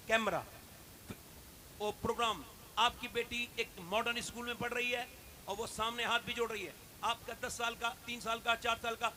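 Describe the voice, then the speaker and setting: A man delivers a fervent sermon in a very high, piercingly bright voice with a gravelly edge. He drops into hushed storytelling, then climbs to loud, shouted appeals, and he keeps firing questions at his listeners. A faint hiss sits under the recording. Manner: rhetorical questions to the audience. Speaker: preacher. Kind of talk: impassioned religious sermon.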